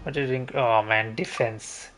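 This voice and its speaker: A gaming streamer mutters to himself through casual gameplay commentary, with some mild swearing, as music plays behind him. His mid-range voice holds a steady tone at a normal pace.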